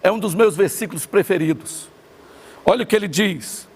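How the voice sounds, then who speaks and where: High-pitched, gravelly preacher man. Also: moderate pace. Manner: emphatic, repeats key phrases. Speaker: pastor. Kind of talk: sermon. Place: church online service.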